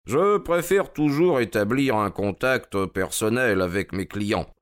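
A man voicing a calm male detective who asks measured, courteous questions. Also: fairly low pitch, smooth. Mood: probing.

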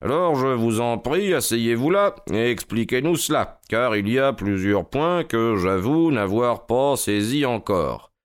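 A man voicing an eager, commanding male detective who speaks briskly and urgently. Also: medium pitch, animated, natural voice.

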